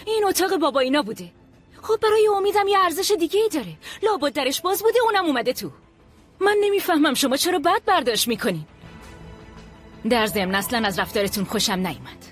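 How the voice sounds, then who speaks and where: An insistent young wife, questioning sharply in a high voice. Faint music sits under the scene. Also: female voice, big pitch swings. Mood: defensive. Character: young wife demanding answers, defending her husband. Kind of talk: dubbed drama acting.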